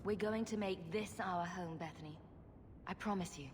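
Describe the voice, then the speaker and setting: An actress playing a composed, protective elder sister, a measured and reassuring fantasy game heroine. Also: female voice, on the low side, slight background noise, lightly acted. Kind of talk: video game voice acting. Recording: long echoing reverb. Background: game music.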